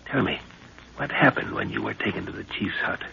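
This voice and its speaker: A middle-aged man plays a resolute father and jungle adventurer in 1930s radio drama style, clipped, urgent, and commanding. His lowish voice is a little fast, with vocal fry. The recording is dull and hissy, like 1930s radio.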